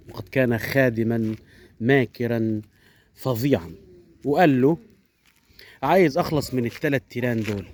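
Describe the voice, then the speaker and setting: A man with an Egyptian Arabic accent informally telling a traditional animal fable as a storyteller, animated and digressive, addressing his viewers directly. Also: medium pitch.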